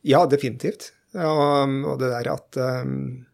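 A man working as a general practitioner, talking in a relaxed podcast conversation, thoughtful and hesitant with many fillers. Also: medium pitch, vocal fry. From Norway.

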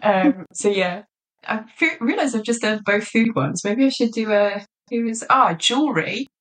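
A woman's voice: mid-range voice, lively intonation, normal speed, a bit bright. A woman co-hosting a podcast, chatting casually and eagerly, with lots of "like" in her speech. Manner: chatty and enthusiastic, peppered with "like". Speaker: podcast co-host. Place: lives in a small market town in south-west England.

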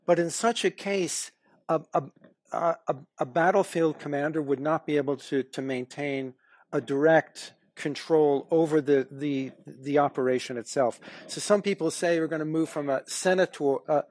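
A man speaking as a panelist at a seminar, halting and searching for words with frequent restarts. His voice is a touch higher than most men's, recorded dry and close. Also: darkish tone, no room sound. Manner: halting, many restarts and fillers. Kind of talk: expert discussion.

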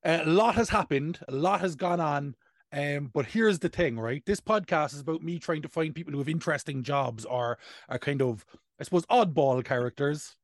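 A man's voice: fairly high pitch, moderate pace, dry recording, clean studio sound. A man in his thirties with an Irish accent, hosting a casual comedic podcast in a playful, self-mocking way. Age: 30s. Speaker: podcast host.

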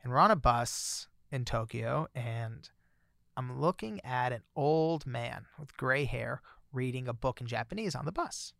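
This guest author has a gravelly, medium-pitched voice and talks a little slowly. He recounts a personal story casually, with many fillers, growing excited over the surprising moments. The recording is dry and studio quality.

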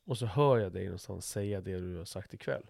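A man's voice: low voice, gravelly, a little mellow, no echo. A middle-aged man talking frankly in a casual conversation, swearing freely and restarting his sentences as he thinks aloud.

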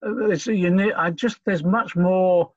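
Halting man, slightly high voice. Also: fairly even intonation, no echo, dull audio. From Liverpool, England. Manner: halting, repeats phrases, earnest. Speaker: guest. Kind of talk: conversational interview.

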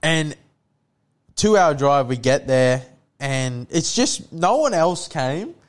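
A young man with a clean, smooth voice. He tells stories casually, in a laddish way full of slang and swearing. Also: a little high, lively intonation, slow. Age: young adult. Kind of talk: casual chat, storytelling.

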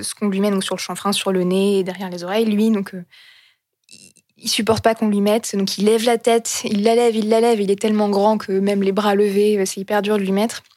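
A woman telling a personal story in an earnest, halting way, often pausing to search for words. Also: medium pitch, a little mellow, no echo, clean studio sound.

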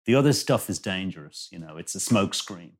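Low-voiced man, emphatic and halting. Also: animated. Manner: emphatic, repeats phrases, halting self-interruptions. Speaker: guest author. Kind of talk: conversational discussion.

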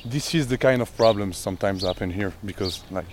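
A man working with kids, talking casually outdoors in halting, non-native English with many fillers. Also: lowish voice, noisy background. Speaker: youth worker. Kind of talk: casual interview. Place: outdoors in a neighbourhood.

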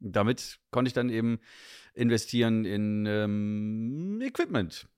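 A man's voice: on the low side, expressive, takes it slowly, darkish tone, clear, resonant tone, no echo, studio quality. A young man from northern Germany, a guest chatting casually in an interview, rambling with many fillers.

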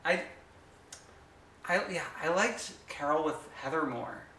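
A man's voice: fairly high pitch, sharp tone, reverberant, a little hiss or hum. A man co-hosting a podcast, chatting casually and gossiping eagerly about reality TV. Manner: gossipy, chatty, quick asides. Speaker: podcast co-host. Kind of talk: casual chat.

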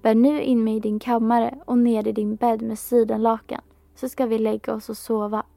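A woman's voice: on the high side, flat delivery, creaky, warm tone, no room sound, faint music behind. A woman voicing a small, persistent male frog who keeps pleading and insisting. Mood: demanding.

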